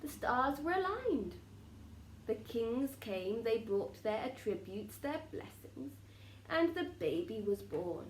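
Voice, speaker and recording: A woman speaking as a trance channelling medium, delivering spiritual messages in a solemn, oracular way with formal phrasing and deliberate pauses. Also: a little high, very animated. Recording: roomy echo with faint background noise.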